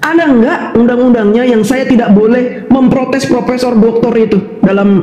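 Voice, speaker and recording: With a crowd in the background and a lo-fi, echoey sound full of long reverb, an older woman streams her commentary. Her voice sits on the high side at a moderate pace as she mocks, laughs, and hurls indignant rhetorical questions in a combative rant.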